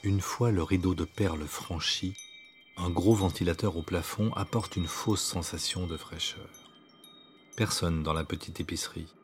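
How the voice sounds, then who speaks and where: A man reading his own autobiographical story as scripted narration, in an intimate, hushed way that at times drops to a whisper. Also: low voice, a little hiss or hum. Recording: narration over clear background music.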